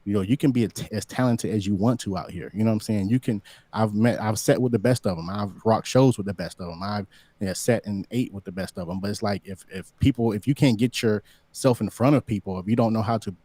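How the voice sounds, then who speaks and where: A man in his late thirties, a guest on a livestream interview, talking in an animated, preachy way and repeating "you know what I'm saying.". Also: lowish voice, fast, dry recording. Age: 30s. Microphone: streaming setup under bright lights.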